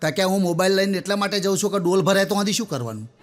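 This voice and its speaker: Heavy background noise surrounds a stand-up comedian whose high, animated voice fires off Gujarati folk jokes at a rapid clip. He tells them as chatty stories, frequently speaking directly to his listeners.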